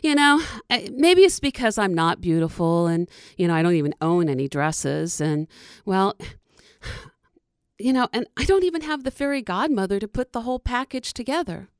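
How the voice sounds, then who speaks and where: A woman's voice: mid-range voice, very animated, normal speed, clear, resonant tone, dry recording, studio quality, lightly acted. A woman voicing a plain, blunt young Cinderella who talks hesitantly in a told story. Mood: reluctant.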